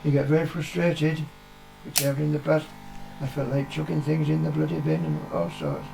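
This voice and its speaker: A man's voice: medium pitch, animated, normal speed, gravelly, music in the background, low-quality recording. An older man with a British accent, chatting casually and giving his opinions in a blunt, plain-spoken way. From United Kingdom. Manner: blunt, plain-spoken, swearing, repeating himself for emphasis. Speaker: interviewee, father of the vlogger.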